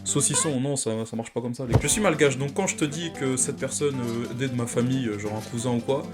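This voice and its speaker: A man's voice: medium pitch, fast. A young man with Malagasy roots doing a punchy, self-mocking comedy monologue. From Madagascar heritage. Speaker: comedy YouTuber. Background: background music.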